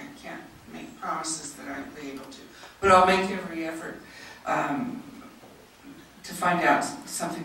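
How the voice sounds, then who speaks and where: A woman commissioner with a bright, forceful voice addresses a public meeting. She talks slowly and carefully, correcting herself and spelling things out, and her voice carries from a distance through a very echoey hall with faint noise behind it. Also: fairly low pitch. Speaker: charter commissioner.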